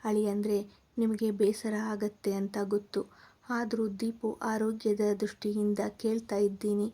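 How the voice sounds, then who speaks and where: A woman narrator voicing a caring, soothing middle-aged mother who speaks gently and reassuringly. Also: medium pitch, completely flat delivery, moderate pace, close to an everyday voice.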